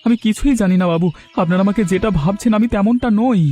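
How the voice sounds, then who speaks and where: A man's voice: sits high, quick pace, mellow, natural voice. Man voicing a pleading poor villager. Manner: pleading and earnest. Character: poor young village man accused of theft. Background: background music.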